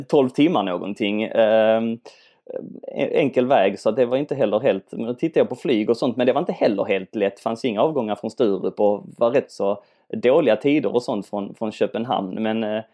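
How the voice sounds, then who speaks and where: A man's voice: mid-range voice, warm tone. A man from southern Sweden, chatting casually as host of a football podcast, rambling with many fillers.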